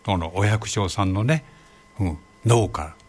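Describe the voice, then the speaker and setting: A man hosting a podcast, chatting and gently explaining, ending phrases with soft tags. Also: fairly low pitch, unhurried. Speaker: podcast host. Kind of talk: casual chat.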